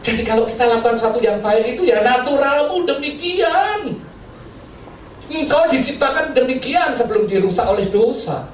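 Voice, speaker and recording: A male pastor tells a humorous sermon story, laughing often and acting out other people's voices. His pitch leaps around lively. The sound is roomy, taken from a distance with faint noise behind. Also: moderate pace. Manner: animated, laughing, acts out voices. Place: church hall. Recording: echoey hall, mic at a distance, faint noise.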